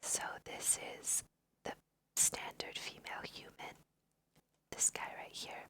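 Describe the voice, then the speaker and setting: A young woman whispers slowly in a soft, breathy voice, guiding the listener in a gentle, unhurried, hushed way. She hosts an ASMR gaming video and gives let's-play commentary.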